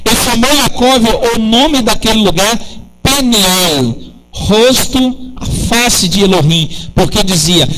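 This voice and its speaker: A man preaching a sermon, explaining scripture slowly with rhetorical questions. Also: high-pitched, animated, a bit bright, poor audio. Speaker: rabbi preaching.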